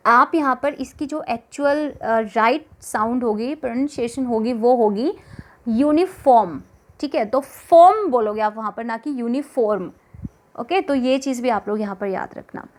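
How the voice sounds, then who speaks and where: Speaking at normal speed in a fairly high voice, a Haryanvi-accented woman takes her class through exam-focused grammar. She is patient in her explanations, repeats words often, and quizzes the students.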